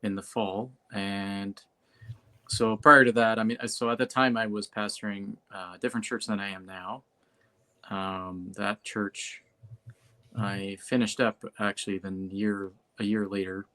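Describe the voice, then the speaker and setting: A man's voice: lowish voice, level tone, measured pace, pushed and bright. A man speaking as a host and pastor in a casual chat, loosely and often correcting himself.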